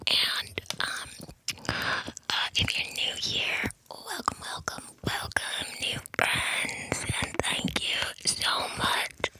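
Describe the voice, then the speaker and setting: A woman giving a softly whispered, breathy ASMR ramble as a channel host, close on a binaural microphone, with an affectionate, playful way of talking. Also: very slow, rough recording. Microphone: close binaural microphone with silicone ears.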